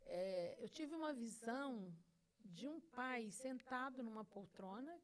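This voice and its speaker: A middle-aged woman with a somewhat high-pitched voice shares a deeply personal testimony as the host of her own talk show. She is earnest and heartfelt, circling back to the same phrases for emphasis. Now and then she acts out the words she once spoke to God. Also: lively intonation, a little slow. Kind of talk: emotional personal testimony in conversation.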